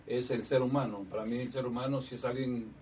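A middle-aged man from Ecuador, a musician guest on a radio show, talking casually with many halting restarts. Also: mid-range voice, steady tone, a little mellow. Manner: chatty, halting with many restarts, laughs easily. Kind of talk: casual interview chat. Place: small radio studio, indoors. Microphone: studio desk mic, recorded from a far camera. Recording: distant mic, faint room noise.

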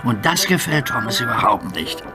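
Animated male storyteller over music. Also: medium pitch, moderate pace. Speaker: narrator. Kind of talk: scripted children's story narration.

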